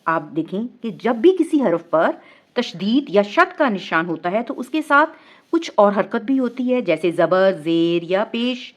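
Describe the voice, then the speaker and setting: A woman's voice: medium pitch, big pitch swings, measured pace. A woman with a Pakistani Urdu accent teaching Quran recitation rules step by step, patiently explaining each rule and drawing out the recited Arabic words.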